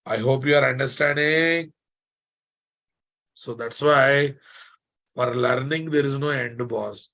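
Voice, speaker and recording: A male instructor with a Telugu Indian accent and a noticeably gravelly, creaky voice at a middling pitch. He delivers a classroom lecture, restating key phrases and often checking that his students follow. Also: slow, long pauses, sharp tone. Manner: repeats phrases for emphasis, prods listeners with check questions. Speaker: software training instructor.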